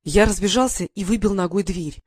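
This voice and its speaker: Guy reading an audiobook, first person story, steady with dramatic lifts, dry close sound. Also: high voice, a little fast, no echo. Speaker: audiobook narrator. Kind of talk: scripted first-person narration.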